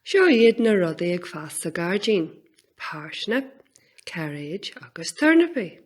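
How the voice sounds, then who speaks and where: A woman presenting simple scripted narration for young learners, in deliberate, repeated phrases. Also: lowish voice, big pitch swings.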